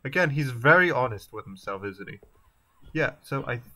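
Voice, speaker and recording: A man hosting a casual let's play of a video game. He chats and jokes in a loose, rambling way, full of fillers. His voice sits at an ordinary middle pitch. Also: expressive, normal speed, bright, forceful tone. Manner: chatty, joking, rambling with fillers. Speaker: gaming channel host.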